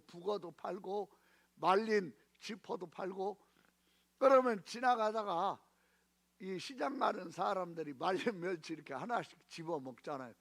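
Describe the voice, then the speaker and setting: Male preacher, high bright voice, lively storytelling delivery with congregation call-and-response. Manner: storytelling with animated swings from hushed to shouted. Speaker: pastor. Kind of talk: sermon. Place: church sanctuary.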